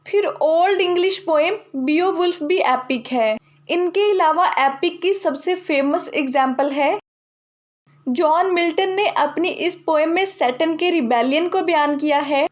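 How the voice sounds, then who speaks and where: High-voiced woman explaining literature. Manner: steady, explains each term twice in plain words. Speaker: literature teacher. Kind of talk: explanatory lecture.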